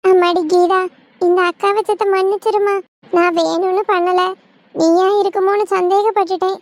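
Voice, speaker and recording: A woman voicing a loud, quarrelsome village wife in a cartoon. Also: steady tone, normal speed. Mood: apologetic. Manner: scolding, shrill.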